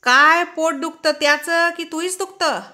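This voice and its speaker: A woman voicing a harsh, abusive male village moneylender who shouts in rough rustic dialect. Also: extremely high pitch, fairly even intonation, unhurried, voice pushed up, full character voice. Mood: shouting.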